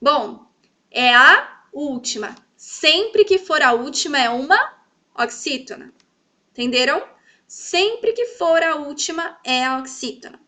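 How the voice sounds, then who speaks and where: A woman teaching a grammar lesson to children, stretching out example words slowly and checking in often with her pupils. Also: sits high, animated, pushed and bright. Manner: sweet, coaxing, checks in often.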